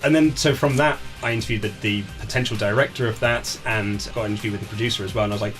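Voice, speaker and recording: Interviewed about his book, a male author chats casually in a fairly low, fairly even voice, talking fast. He tells animated anecdotes in a chatty way, often acting out quoted conversations, with music behind him.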